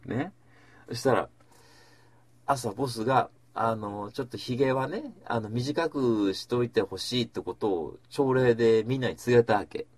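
A man's voice: medium pitch, measured pace, breathy edge, dry recording. A man hosting a casual chat, rambling through stories with asides and acted-out quotes.

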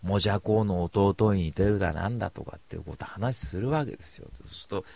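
A man hosting a talk show, telling a rambling casual anecdote in close studio sound, swinging from mumbled asides to loud bursts. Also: low-pitched, fast, gravelly.

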